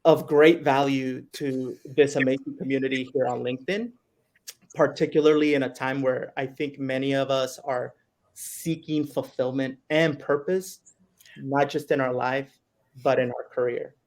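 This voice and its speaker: A man's voice: medium pitch, fairly even intonation, moderate pace, darkish tone. Enthusiastic man hosting a live interview. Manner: enthusiastic, switches into Spanish phrases. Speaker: host. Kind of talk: livestream interview.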